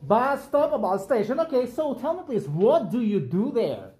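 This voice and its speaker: Woman, English teacher, young kids' class, slow repeated prompts, quick praise, bouncy pitch, faint hiss. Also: sing-song, mellow, roomy sound. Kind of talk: classroom instruction for young children.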